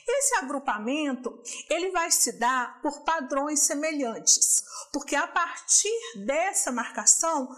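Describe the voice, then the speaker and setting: A woman's voice: high-pitched, sharp tone. A woman with a Brazilian Portuguese accent giving a distance-learning lesson on poetic meter, explaining step by step. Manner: slow, deliberate, explains step by step. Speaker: teacher.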